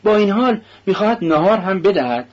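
A man reading a novel aloud, voicing a restless, agitated poor young man in a raised, husky voice. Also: sits high, animated, muffled recording, voice pushed up.

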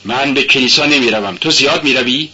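A man's voice: mid-range voice, bright, forceful tone, slightly rough, voice pushed up. A man voicing a tormented young man who speaks curtly and insistently, as a character in an audiobook. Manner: curt, demanding, feverish. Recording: dull lo-fi recording.

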